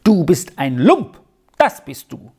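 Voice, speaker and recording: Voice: mid-range voice, big pitch swings, takes it slowly, gravelly, a little mellow, voice pushed up, heavily acted. A reader voicing a slight, dutiful ten-year-old boy in a storybook reading, pleading and indignant by turns.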